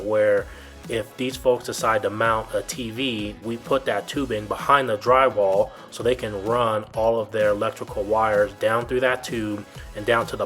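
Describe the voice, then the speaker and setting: A man with a fairly low voice narrates a walkthrough video as a builder's guide. His delivery is fairly even, plain and instructive, with informal phrasing. Music plays clearly behind him. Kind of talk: explanatory video tour narration.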